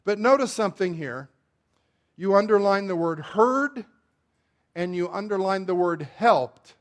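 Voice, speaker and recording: A man preaching a sermon, asking the congregation for responses and swinging between loud emphatic lines and quiet asides. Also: sits high, lively intonation, a little slow. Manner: call-and-response questions to the congregation.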